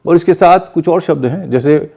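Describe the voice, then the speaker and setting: A man teaches pronunciation methodically, explaining as he goes, spelling each word letter by letter and repeating every example. His voice sits a little high and moves briskly, with a gravelly texture and a dark, mellow tone.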